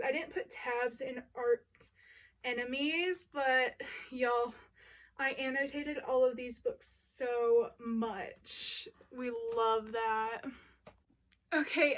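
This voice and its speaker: High, slow-talking gushing young woman. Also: fairly bright tone. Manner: gushing, uses y'all and like often. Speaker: book vlogger. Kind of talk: casual book review chat.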